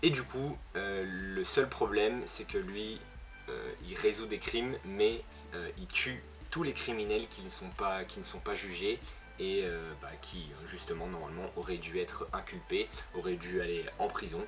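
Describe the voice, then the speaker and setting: With music in the background, a young man hosts a manga video, reviewing titles casually in a northern French ch'ti accent. He speaks at a normal speed in a low voice, using many fillers and correcting himself often.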